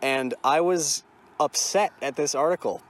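A man co-hosting a casual podcast, swearing freely and talking in a halting, repetitive way. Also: on the high side, a little hiss or hum. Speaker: podcast co-host.

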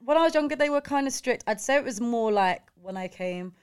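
A young woman co-hosting a podcast, talking casually about her teenage years. She reacts readily with gasps and laughter. Her voice sits a little high and sounds smooth and clear. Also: lively intonation, brisk. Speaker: podcast co-host. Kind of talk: casual chat.

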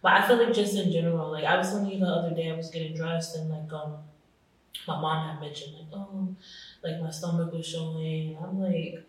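Animated young woman, roomy and distant. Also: sits low, a little fast. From Florida, raised in New York. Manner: animated, laughing, swears freely. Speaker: podcast co-host. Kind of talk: casual chat. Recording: roomy echo, distant mic.

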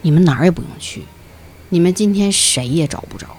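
A woman voicing a menacing spirit that possesses a young woman, speaking quietly with cold, taunting confidence. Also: fairly low pitch, expressive, fast talker, slight background noise, close to an everyday voice.

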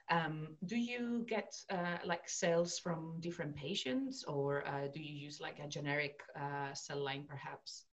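A woman hosts a podcast interview in a casual chat, sounding enthusiastic yet hesitant and using many fillers. Her voice sits low, and the audio is dull.

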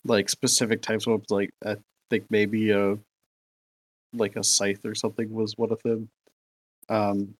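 Rambling man with a low voice. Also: level tone, moderate pace, dry recording. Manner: rambling, many fillers and restarts. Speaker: podcast co-host. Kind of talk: casual chat.

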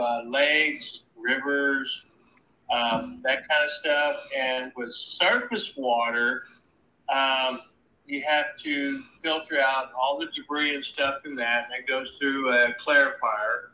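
A man's voice: mid-range voice, fairly even intonation, takes it slowly, pushed and bright. A man heard over a phone on speaker, explaining in a plain, matter-of-fact way with lots of ums and uhs. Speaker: caller, water treatment plant worker. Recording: echoey phone speaker sound.

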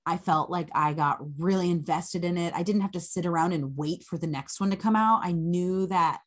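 A young woman co-hosting a podcast, chatty and casual, quick to react and swears now and then. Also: fairly low pitch. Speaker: podcast co-host. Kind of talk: casual chat.

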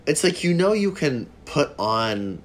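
A man's voice: fairly high pitch, sing-song, measured pace. A man co-hosting a podcast in casual chat, blunt, opinionated and freely profane. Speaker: podcast co-host.

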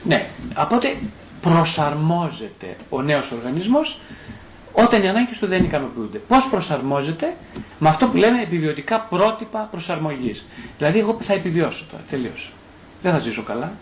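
A man with a fairly high voice lectures as a psychotherapist, and his pitch swings widely as he asks questions and answers them himself. Now and then he slips into the first-person voice of a child. The room is echoey, with faint noise underneath. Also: big pitch swings.

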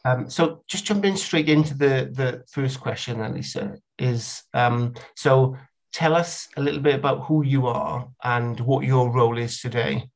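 A man hosting a podcast from the United Kingdom, chatting with a guest in a friendly interview. His talk is halting, full of ums and restarted phrases. His voice sits at an ordinary middle pitch. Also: vocal fry. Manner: hesitant, many ums and repeated words. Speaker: podcast host. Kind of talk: conversational interview.

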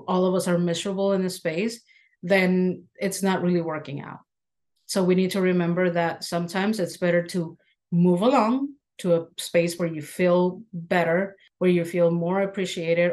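Earnest woman auto shop owner, lowish voice. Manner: earnest, animated when retelling scenes. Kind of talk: podcast interview answers. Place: Seattle.

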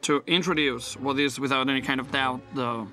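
A man with a strong Spanish accent talks through a film on a commentary track. His voice is bright and a little tense. He chats loosely, often hesitating and laughing. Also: medium pitch, fairly even intonation, moderate pace, soft background music. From Spain.

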